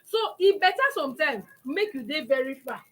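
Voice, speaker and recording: A woman's voice: high voice, lively intonation, brisk, fairly bright tone. A woman with a Nigerian accent hosting a conversational talk, acting out examples as she explains. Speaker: talk show host.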